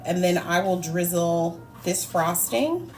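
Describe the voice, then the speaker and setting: A woman's voice: on the low side, expressive, slow, darkish tone. A woman hosts a cooking livestream, chatting freely with her viewers as she works. She laughs often and answers the live chat, with faint music playing behind her. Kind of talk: casual chat while cooking.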